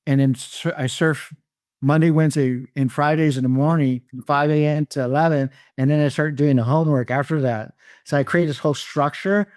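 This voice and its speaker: A middle-aged man from Canada, raised in California, calmly recounting his life as a podcast guest, with light laughs. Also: fairly high pitch, brisk, no room sound, studio quality. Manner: calm, reflective, laughs lightly. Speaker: guest entrepreneur. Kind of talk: casual interview storytelling.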